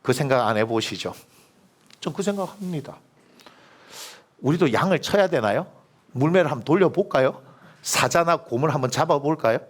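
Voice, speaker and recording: Middle-aged male pastor, sermon delivery. Pitch a touch high, very animated melody, plenty of rhetorical questions to the congregation. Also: normal speed, pauses often. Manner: lively storytelling, acting out biblical figures in colloquial voices.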